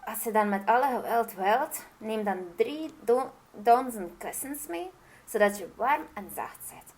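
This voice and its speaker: A woman's voice: fairly high pitch, expressive, a little slow, a little mellow, slight background noise. Woman doing a stern disapproving king. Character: stuffy, disapproving fairy-tale king.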